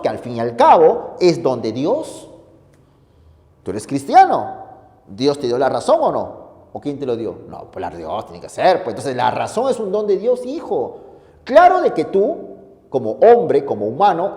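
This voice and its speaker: A man's voice: a little high, mellow. A man playing a wise male saint who reasons patiently in a fatherly, lecturing way. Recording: echoey hall reverb.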